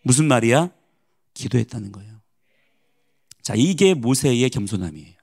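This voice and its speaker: A male pastor giving a morning sermon, preaching in an animated way and putting questions to the congregation. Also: mid-range voice, normal speed, gravelly, husky.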